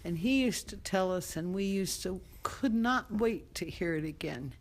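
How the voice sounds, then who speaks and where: A woman telling a remembered folk tale in an unhurried, repetitive oral storytelling manner. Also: mid-range voice, lively intonation. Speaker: storyteller, interviewee.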